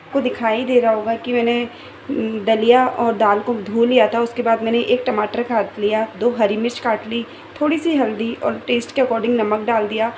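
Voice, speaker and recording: A woman's voice: fairly high pitch, steady tone, moderate pace. A young woman talking casually through a home vlog, feeling unwell while pregnant. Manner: chatty, talks softly while child sleeps. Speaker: vlogger. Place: home, kitchen and bedroom. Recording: noisy home recording.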